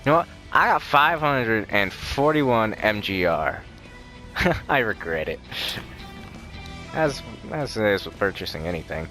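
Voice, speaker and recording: A man's voice: on the low side, lively intonation, a little slow, sharp tone. A young man hosting a casual let's-play, rambling and joking as he goes, often correcting himself. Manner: chatty, rambling, jokey, with self-corrections. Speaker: gaming channel host. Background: game music.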